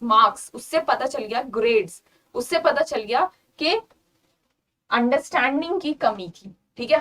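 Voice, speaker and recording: A young woman with an Indian accent teaching English vocabulary in an online exam-prep lesson, repeating words slowly and asking whether it is clear. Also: high-pitched, distant mic, low-quality recording. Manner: mixes English words and sentences into Hindi explanation.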